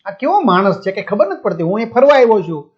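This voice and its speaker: A man voicing an impatient male tourist who shouts and demands in exasperation, read out in a lesson. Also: high-pitched, expressive, moderate pace. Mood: angry. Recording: dull lo-fi audio.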